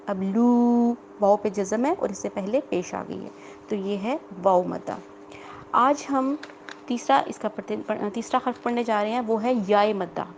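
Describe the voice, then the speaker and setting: A woman teaching a tajweed lesson, explaining rules patiently, repeating them, quizzing her students and drawing out the example words slowly. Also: mid-range voice, darkish tone, a little hiss or hum, poor audio. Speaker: Quran recitation teacher.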